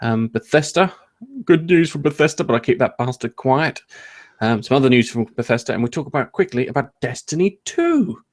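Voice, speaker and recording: A man's voice: medium pitch, sing-song, a little fast. A man hosting a casual gaming podcast, joking and rambling with frequent restarts. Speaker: podcast host.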